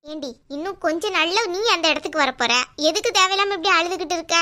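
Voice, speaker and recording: A woman voicing a scheming, domineering middle-aged aunt in a cartoon, talking in a bossy, scornful way. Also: sharp tone. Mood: reassuring. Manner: bossy, scornful, low and slow. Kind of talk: cartoon voice acting.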